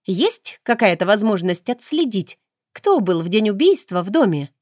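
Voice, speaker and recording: A woman voicing a stubborn, sarcastic young heroine in an audiobook, talking in a lively, indignant way. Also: normal speed, dry recording, studio quality. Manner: lively, indignant, raised pitch. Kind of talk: audiobook character reading.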